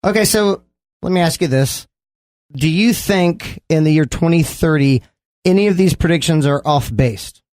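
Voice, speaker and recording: Man, 30s, high voice, rambling podcast chat, lots of ums. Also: moderate pace, a little mellow. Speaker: podcast co-host. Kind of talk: casual chat.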